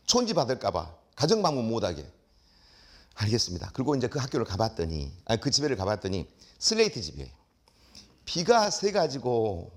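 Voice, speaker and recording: A middle-aged man giving a lecture, telling a story dramatically and acting out the dialogue. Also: medium pitch. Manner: animated, acts out dialogue with shouts.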